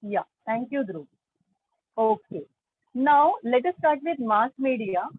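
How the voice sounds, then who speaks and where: A woman's voice: fairly high pitch, animated, slow, slightly rough. A woman with an Indian accent teaching a history class over a video call, explaining patiently and checking in with her students. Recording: phone-like narrow sound.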